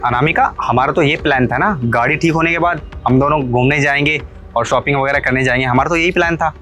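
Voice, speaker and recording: Man playing a wounded cartoon husband, fairly high voice, pleading, suspicious, soft music behind. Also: a little fast. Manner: pleading, questioning, accusing. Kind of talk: Hindi cartoon story dubbing.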